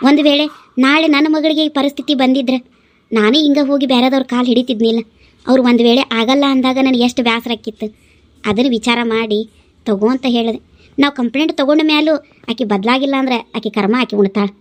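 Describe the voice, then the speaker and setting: A woman, dubbing the voices of a cartoon story. Her voice sits a little high. She speaks in a calm, advising way. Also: fast. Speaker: voice actor voicing several cartoon women.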